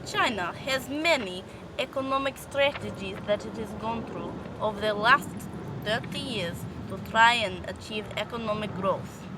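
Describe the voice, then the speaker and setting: A woman trying out a put-on Russian accent, slowly reading a formal economics note aloud, with traffic noise behind. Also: medium pitch, lightly acted. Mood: formal recital. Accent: attempted Russian.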